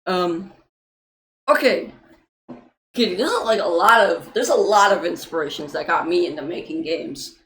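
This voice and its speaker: A woman's voice: on the low side, normal speed, pauses often, a bit bright, slight background noise, rough recording. A young woman, an indie game developer, chatting loosely in a livestream Q&A with many fillers and casual swearing.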